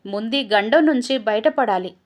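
Scheming older mother-in-law as a woman puts her on, wheedling, evasive, fairly high voice. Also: moderate pace, lightly acted.

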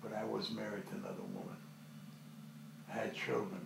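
An actor playing a gruff older man who is an estranged father, asking blunt, probing questions. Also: fairly low pitch, flat delivery, a little fast, roomy sound, background noise. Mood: somber. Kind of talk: film drama acting.

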